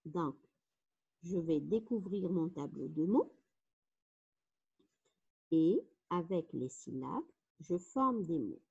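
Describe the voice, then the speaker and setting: A woman with a Moroccan French accent teaching a phonics lesson, slowly spelling out letters and syllables. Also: fairly low pitch, animated, creaky, warm tone, breathy edge. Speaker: primary school teacher. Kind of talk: slow, deliberate phonics lesson. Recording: dull, lo-fi recording.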